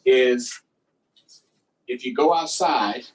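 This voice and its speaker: A man hosting a storytime reads aloud and chats simply and encouragingly with young children. His mid-range voice draws out words, and the mic is distant.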